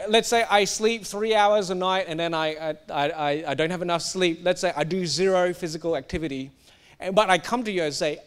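A young man from Singapore delivers a sermon in a high, light voice. He talks with emphatic energy, often stumbling and repeating words before pushing on. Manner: animated, emphatic, with stumbles and restarts. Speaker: preacher.

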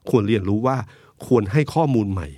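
Recorded in studio quality with no echo, a man with a lowish voice speaks a little fast as he comments on politics in a talk show discussion. He's animated and argumentative, backing his points with vivid analogies.

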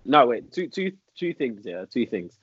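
A man's voice: mid-range voice, sing-song, a bit bright, husky. A man in a casual debate, restarting and repeating the openings of his points. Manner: halting, repeats phrase openings. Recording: muffled lo-fi room sound.

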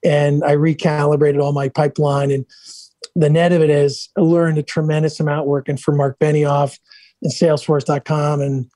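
Middle-aged male guest, slightly higher-pitched, chatty storyteller, dry close sound. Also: little pitch movement, moderate pace, dark tone, no echo. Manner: upbeat, chatty anecdotes with many restarts. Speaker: guest, software entrepreneur. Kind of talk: casual interview storytelling.

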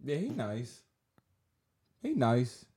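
Man, very lively up-and-down voice, slangy, incredulous, podcast banter. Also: medium pitch, very slow, slightly rough. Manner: slangy, incredulous, pushes back. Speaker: podcast co-host. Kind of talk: casual podcast chat.

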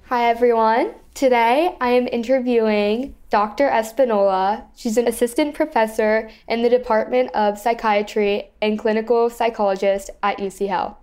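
A woman's voice: on the high side, fairly even intonation, normal speed, few pauses, darkish tone, smooth, faint music behind. A young woman hosting an interview, asking eager, prepared questions. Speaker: student interviewer. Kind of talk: interview host.

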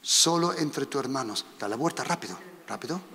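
A man from preaching a sermon, animated and repeating his instructions to the congregation. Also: mid-range voice, moderate pace, crowd noise. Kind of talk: sermon with live demonstration. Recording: long reverb of a hall.

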